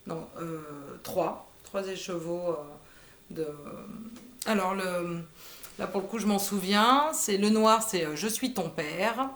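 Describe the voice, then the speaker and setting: A woman in her thirties talks about her knitting in a slow, mid-range, slightly bright voice. The casual show-and-tell, recorded in an echoey room, is hesitant and peppered with "euh."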